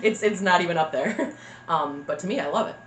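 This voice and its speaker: A woman's voice: fairly low pitch, a little fast, a loud crowd. A young woman hosting a mukbang, chatty and giggly, talking with her mouth full. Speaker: mukbang host. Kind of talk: casual chat. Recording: echoey room with faint noise.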